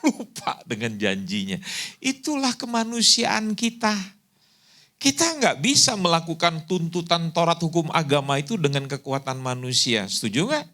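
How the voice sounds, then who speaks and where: A male pastor preaching a sermon, telling lively stories and acting out the people in them. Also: fairly high pitch, moderate pace. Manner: animated storytelling preacher, acts out quoted voices. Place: church hall.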